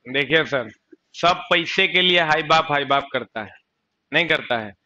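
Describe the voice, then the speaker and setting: A male coaching-class teacher talks with a Bihari accent, keeps asking his students questions and then answering them himself. His voice is bright and a bit high. The recording is dull and lo-fi. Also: unhurried. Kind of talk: classroom lecture.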